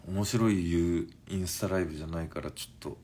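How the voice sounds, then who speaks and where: Languid low-voiced man in his forties. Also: warm tone, slight background noise. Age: 40s. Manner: languid, drowsy-sounding, unhurried. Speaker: Instagram live streamer. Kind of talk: casual live-stream chat reading comments.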